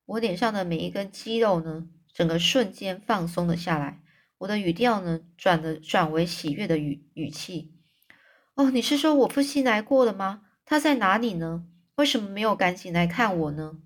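A woman's voice: lowish voice, moderate pace. A woman voicing a frail, overwrought young man in a storybook reading, emotional and pleading. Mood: joyful.

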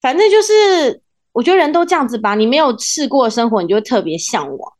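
She is a woman with a Taiwanese accent and a fairly high voice. Her pitch moves in big, animated swings as she chats casually like a podcast host, teasing and expressive. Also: fast. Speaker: podcast host, former radio presenter.

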